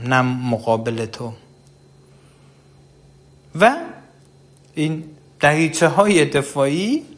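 Male speaker with a somewhat high voice, earnest teacher of parents, explains patiently with examples. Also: a bit bright. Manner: earnest, explains with everyday examples and direct address. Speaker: parenting educator. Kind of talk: explanatory talk.

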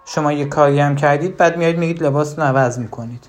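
A parenting advisor giving direct advice to the listener, asking rhetorical questions and shifting between lively and low, emphatic tones. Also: faint music behind.

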